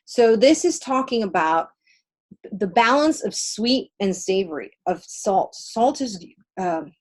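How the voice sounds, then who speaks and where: A woman whose first language is Spanish co-hosts a casual spiritual healing livestream, giving readings in an emphatic, conversational way with pauses for effect. Her voice is medium-pitched and expressive.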